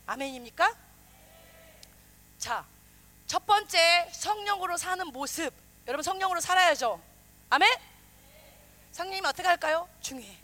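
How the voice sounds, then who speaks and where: High, bright-voiced woman preaching. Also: normal speed, long pauses. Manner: animated, questions the congregation, acts out quoted voices. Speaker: pastor. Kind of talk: sermon.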